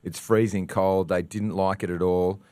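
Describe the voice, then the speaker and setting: An Australian man co-hosting a sports podcast, ranting and fired up, repeating himself and bursting into shouts. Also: low-pitched, level tone, normal speed, no room sound.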